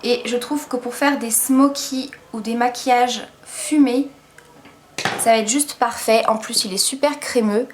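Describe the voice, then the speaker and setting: Woman, beauty vlogger, fairly high voice, casual makeup review, gushing, lots of fillers, faint background hiss. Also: steady tone, unhurried. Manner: chatty, with frequent hesitant fillers; enthusiastic, gushing about products.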